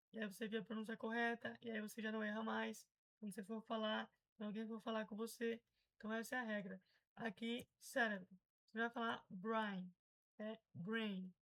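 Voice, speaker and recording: A woman's voice: on the high side, fairly bright tone, poor audio. A Brazilian woman teaching English pronunciation in a casual, chatty way, patiently explaining and repeating example words.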